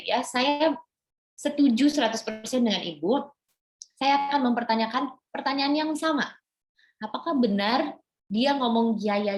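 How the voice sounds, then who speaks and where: A woman pediatrician patiently explaining advice to parents during a webinar, on a video call. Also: mid-range voice. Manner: patient, explanatory, demonstrates animated reading voice. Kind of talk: webinar talk advising parents. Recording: echoey room.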